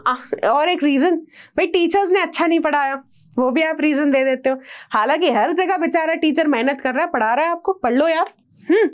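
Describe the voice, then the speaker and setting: High-voiced Indian woman teaching a class. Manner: scolding, teasing, addresses students directly. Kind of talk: online class lecture.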